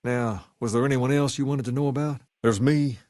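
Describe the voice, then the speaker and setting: A male actor plays an easygoing video game gang boss who carries himself like rock-and-roll royalty. He sits at a middling male pitch and talks in a measured, folksy, colloquial way. The sound is dry and close, and he comes across as sure of himself. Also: steady tone, a little mellow, dry recording, natural voice. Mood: relaxed, folksy. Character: easygoing, self-assured gang leader styled as a rock-and-roll king. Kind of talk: scripted game character dialogue.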